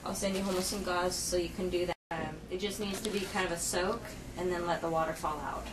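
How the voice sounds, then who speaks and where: A woman explains clinic aftercare in plain, conversational words, step by step. She often checks that she is understood. She is some way from the microphone, in a clearly noisy room. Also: on the low side, steady tone, fairly quick, distant mic. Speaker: dental surgery assistant giving aftercare instructions. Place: indoor clinic treatment room. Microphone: camera held by another person, at a distance.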